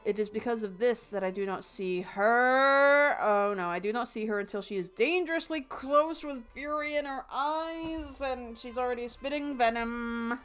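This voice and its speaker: A woman streamer with a slightly high voice reads a story game aloud and breaks in with sarcastic jokes. She plays without headphones, so faint game music comes through behind her. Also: moderate pace, few pauses, a bit bright. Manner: playful, sarcastic asides. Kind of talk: reading game text aloud with commentary. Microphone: desk mic, no headphones.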